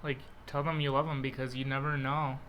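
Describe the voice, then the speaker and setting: A man hosting an eating vlog, chatting casually and chiming in with quick, supportive remarks. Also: mid-range voice, level tone, fairly bright tone, a little hiss or hum. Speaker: host. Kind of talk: casual chat while eating.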